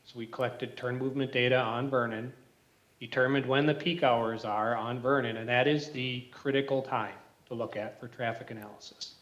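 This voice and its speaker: A man's voice: mid-range voice, fairly even intonation, moderate pace, fairly bright tone, lo-fi sound. A man on a clipped, breaking-up remote call line, giving matter-of-fact technical answers as a traffic consultant. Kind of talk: remote testimony at a public meeting. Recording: echoey remote call audio.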